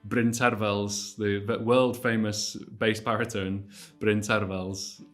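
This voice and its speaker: A man's voice: lowish voice, slow. A man with a North Welsh accent, a folk trio musician, casually introducing his band with jokes and restarts. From North Wales. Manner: relaxed, joking, restarts a lot.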